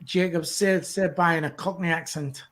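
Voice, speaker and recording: A man hosting a casual live stream, talking haltingly with many "uh" fillers. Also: fairly high pitch, fairly bright tone, a little hiss or hum. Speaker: host.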